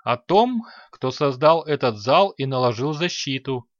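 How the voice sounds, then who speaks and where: A man reading an audiobook, voicing a calm, naive male hermit sage who speaks slowly and with mild amusement. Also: medium pitch, dry recording, natural voice. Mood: serene. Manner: calm, slow, mildly amused. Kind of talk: audiobook character voice. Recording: dull dry recording.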